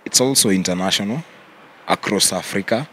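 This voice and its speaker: A young man with a Kenyan accent, answering interview questions in a relaxed way and mixing English with Swahili slang. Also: on the low side, a little fast, slight background noise. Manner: relaxed, mixes English and Swahili slang, says "yeah" often. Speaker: content creator guest.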